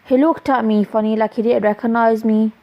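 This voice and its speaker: A woman reading her own romance story aloud in a plain, halting way with small restarts, in a dull lo-fi recording. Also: fairly high pitch, fairly even intonation.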